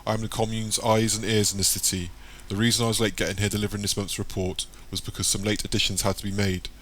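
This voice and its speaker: A man voicing a secretive, formal man in an audiobook, speaking in a measured, courteous way. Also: lowish voice, little pitch movement, a bit bright, a little hiss or hum, lightly acted.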